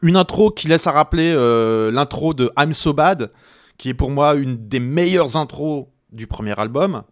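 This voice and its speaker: A man's voice: medium pitch, animated, a little slow, no echo. Guy hosting a radio music show, rambling and jokey, lots of ums, dead dry studio mic. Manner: chatty and joking, with many hesitations. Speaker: radio host. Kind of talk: casual radio music commentary.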